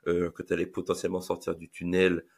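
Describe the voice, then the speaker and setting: A man hosting a podcast, talking in a relaxed, hesitant way with lots of fillers. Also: low-pitched, a little fast. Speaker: podcast host. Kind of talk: casual podcast conversation.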